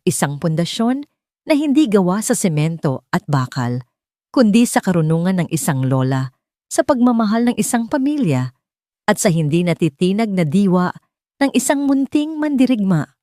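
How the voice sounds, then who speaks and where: An audiobook narrator with a Filipino accent reads a scripted dramatic story. Her voice is fairly low and darkish in tone, captured in a dry, clean studio recording.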